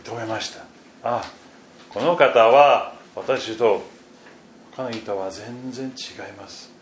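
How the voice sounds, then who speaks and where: Slow, halting male preacher in an echoey room. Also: medium pitch. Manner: slow and halting, with repeated fillers and restarts; phrases often trail off very quietly. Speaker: pastor. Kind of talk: sermon reading scripture. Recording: echoey room, faint background noise.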